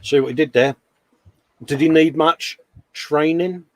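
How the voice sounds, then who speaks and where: A man's voice: a little high, steady tone, a little slow, darkish tone, dry recording. A man co-hosting a casual hobby show, reading out posts in a chummy, colloquial way, often calling people mate. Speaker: co-host of a hobby live show.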